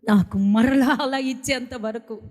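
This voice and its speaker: A Telugu-accented woman pastor preaches with a high voice that climbs into loud, pleading outbursts. Her words ring through a large church hall with a long, trailing reverb. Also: unhurried. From India. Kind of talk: emotional sermon.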